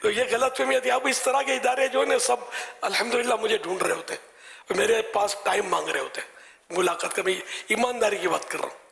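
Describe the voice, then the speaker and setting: Soft-spoken man preaching with hall reverb. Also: sits high, vocal fry. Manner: soft-spoken advice, often dropping to a whisper. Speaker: religious scholar. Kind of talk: live religious talk.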